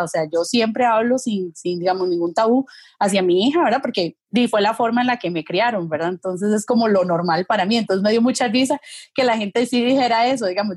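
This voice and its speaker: A woman's voice: medium pitch, a little mellow, slightly rough, no room sound. A woman with a Costa Rican accent, a guest chatting frankly and casually, often tagging her sentences with questions. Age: adult with a daughter. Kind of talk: casual conversation.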